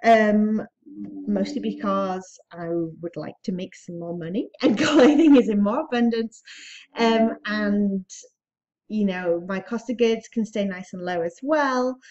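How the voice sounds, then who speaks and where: A woman vlogger at a middle pitch, chatty and upbeat, with small laughs and plenty of ums. She sounds slightly breathless while she talks. The sound is a bit dull and lo-fi, like a simple home video. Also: a little slow, a little mellow. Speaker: online reseller vlogger. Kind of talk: casual vlog talk to camera.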